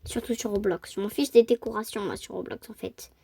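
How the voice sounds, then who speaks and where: A woman from France chatting excitedly while playing a role-play game, squealing over cute things. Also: mid-range voice, brisk, creaky, slightly rough, no echo. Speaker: gaming YouTuber. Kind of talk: casual gameplay commentary.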